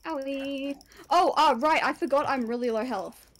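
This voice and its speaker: A woman with a somewhat high voice streams a horror game. She comments casually on her play in the jumpy way of someone who scares easily. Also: a little fast. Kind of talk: casual live gameplay commentary.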